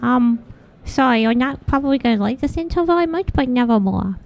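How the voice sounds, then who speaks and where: Woman playing a creaky, high-pitched, timid little raven. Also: lively intonation, brisk, highs cut off. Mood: apologetic, awkward. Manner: meek, awkward, hesitant comic asides. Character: apologetic, silly, timid talking raven. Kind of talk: comic interjections in a poetry reading.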